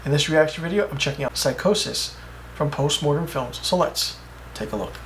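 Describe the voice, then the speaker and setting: A man's voice: fairly high pitch, brisk, a bit bright. A man hosting a reaction video with casual commentary. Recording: faint background noise.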